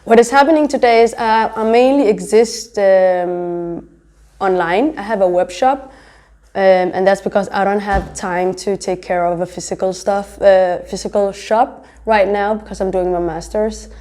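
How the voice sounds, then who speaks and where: A young woman in her twenties, born in Somalia and raised in Denmark, is a fashion designer and pharmacy student who chats through interview questions about her design work and studies, using many fillers. Her warm, mid-range voice keeps fairly even intonation at a normal speed.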